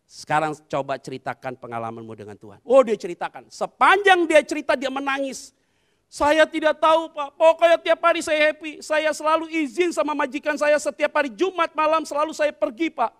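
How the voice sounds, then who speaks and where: A man's voice: very high voice, animated, brisk, a bit bright. A male pastor preaching a sermon. He tells a story, acts out the dialogue and calls on the congregation to respond.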